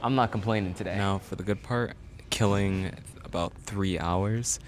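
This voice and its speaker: A man's voice: on the low side, normal speed, slight background noise. A man talking casually to the camera as a travel vlogger in airports and on planes, chatty and easygoing. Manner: chatty, easygoing, rambling with fillers. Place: airports, planes and a shuttle bus. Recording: background music under the voice. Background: music.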